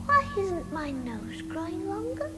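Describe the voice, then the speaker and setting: A woman's voice: very high-pitched, sing-song, a little slow, long reverb tail, exaggerated voice. A woman playing a naive wooden puppet boy, childlike and pleading, with music behind. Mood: sulky. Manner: childlike, wide-eyed pleading.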